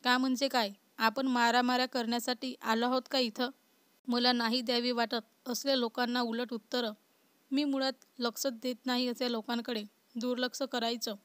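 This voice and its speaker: A short-tempered, protective young man from a spoken love story, as read by a woman. The voice stays higher than a man's and flat in its rise and fall, with little acting put into it. The recording is dry and close. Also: dry recording, lightly acted. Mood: angry.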